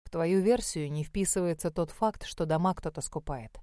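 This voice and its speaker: A woman voicing a stern, brooding young husband who speaks low, firmly and measured. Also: warm tone, dry recording, studio quality, lightly acted.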